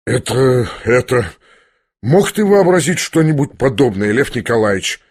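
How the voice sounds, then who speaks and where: A man's voice: medium pitch, expressive, unhurried, slightly rough. Flustered fatherly general, fumbling, repeating words, storybook voice, read by a man. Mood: bewildered.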